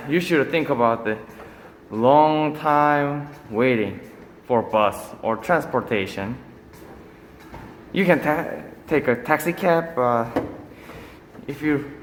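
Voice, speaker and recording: A man from Busan with a Korean accent chats casually for a vlog while working out on a treadmill. His English comes very slowly and haltingly, with hesitant gaps between short phrases. The sound has long reverb and a faint layer of background noise. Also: medium pitch. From Busan, South Korea. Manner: talking while exercising on a treadmill. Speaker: vlogger.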